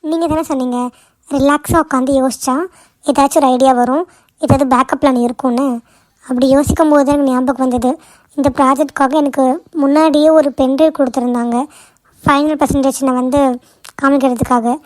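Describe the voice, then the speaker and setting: A woman's voice: high voice, fairly even intonation, fairly quick, pauses often, no echo, close to an everyday voice. A woman voicing a tearful, anxious young woman employee in a cartoon, pleading for reassurance. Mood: earnest. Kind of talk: cartoon voice acting.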